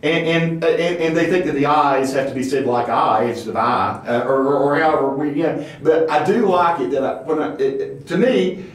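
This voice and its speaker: A man's voice: fairly high pitch, moderate pace, recorded from a distance. A man with a Southern Appalachian accent chatting as an interviewer in a folksy, rambling way. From southern Appalachian United States. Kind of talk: casual conversational interview. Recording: very echoey room, off mic.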